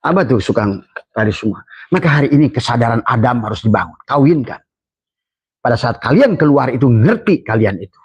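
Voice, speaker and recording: A man preaching a sufi sermon who climbs to high emphatic peaks and chants Quranic verses slowly. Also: big pitch swings, a little mellow, husky, no echo, highs cut off.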